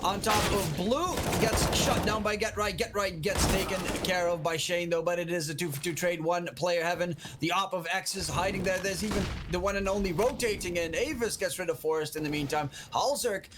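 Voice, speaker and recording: A man giving excitable live play-by-play esports commentary on a shooter match, building in intensity at key moments. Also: high voice, brisk, hardly any pauses. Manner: excitable, rising to shouts at key plays. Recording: clear background noise, clicks.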